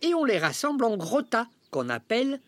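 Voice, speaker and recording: A storyteller voicing a cheerful, patient farmer explaining things in a storybook reading, lively and raised in pitch. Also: moderate pace, a little hiss or hum, natural voice. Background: soft music.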